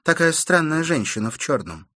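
A man voicing a calm, persistent and inquisitive teenage girl in an audiobook. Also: fairly high pitch, normal speed, dry recording, clean studio sound, voice pushed up, heavily acted. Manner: steady and probing.

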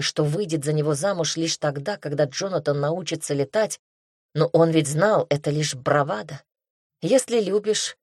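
A woman with a deep voice narrates an audiobook, telling the story in a steady, measured way. The recording is clean studio sound with no echo.

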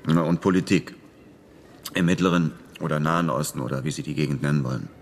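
Voicing a cynical, flippant American veteran of war for a German radio crime drama, this male actor has a very deep voice and speaks fast. His delivery is laconic, matter-of-fact and persuasive, and a faint hiss or hum runs underneath.

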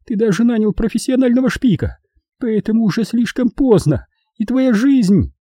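A man voicing a sharp-tongued, scornful woman with a piercing falsetto in an audiobook. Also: lively intonation, moderate pace, breathy edge, dry recording, studio quality, full character voice. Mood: frantic. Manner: contemptuous, snapping. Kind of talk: audiobook character voice.

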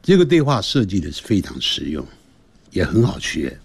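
Low, husky, slow-talking male teacher. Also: wildly swooping pitch, dry recording. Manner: patient, explanatory, repeats and models sentences. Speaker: English teacher. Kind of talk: radio language lesson.

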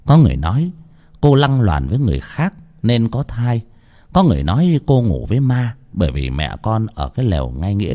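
A man's voice: fairly low pitch, mellow. A man narrating a horror story with dramatic, emotive storytelling.

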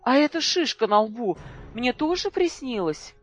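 A reader voicing a furious young boy who defies his mother, with a shouting, indignant voice that breaks. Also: medium pitch, very animated, unhurried, faint music behind, pitched above the performer's own voice.

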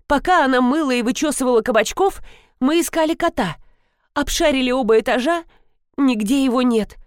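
A woman's voice: sits high, dry recording, clean studio sound, voice pushed up. A woman voicing a panicky, tearful woman housekeeper, talking frantically. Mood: panicked.

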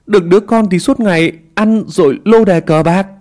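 A man voicing a worried older mother who scolds her son loudly. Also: sits high, moderate pace, voice pushed up, natural voice. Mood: scolding. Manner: scolding, loud.

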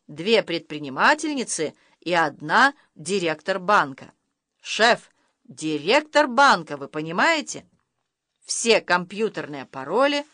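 A woman's voice: medium pitch, fairly bright tone, no room sound, studio quality. A woman voicing a sly, villainous male dog barber who barks commands and hisses. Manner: hissing, barking commands.

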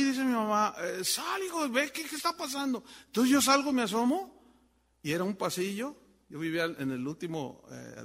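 A man's voice: creaky, long reverb tail. A man preaching a sermon, telling a story and acting out the voices of the people in it. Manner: animated storyteller acting out voices, wide swings in pitch and volume. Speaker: pastor.

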